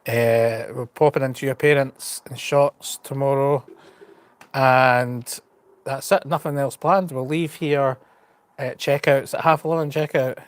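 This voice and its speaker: Talking casually on his live stream, a travel vlogger with a Scottish accent rambles frankly, stuttering slightly and repeating words. He has a medium-pitched voice, a steady tone, and an unhurried pace.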